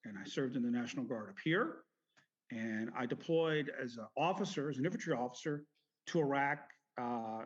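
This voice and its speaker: Middle-aged man rambling through stories, dull audio. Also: on the high side. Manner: halting, meandering, self-correcting. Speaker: military veteran interviewee. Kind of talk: rambling personal storytelling interview.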